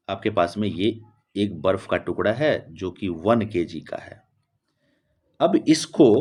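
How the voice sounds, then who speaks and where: This chemistry teacher's voice sits on the low side, a little mellow and slightly rough. Explaining the lesson as in a classroom, he goes over key terms word by word and poses rhetorical questions he then answers himself.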